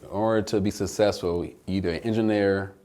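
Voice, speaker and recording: A man hosting a finance channel, pitching the video energetically, then interviewing a guest with many restarts. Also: steady tone, fairly quick, mellow. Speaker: host.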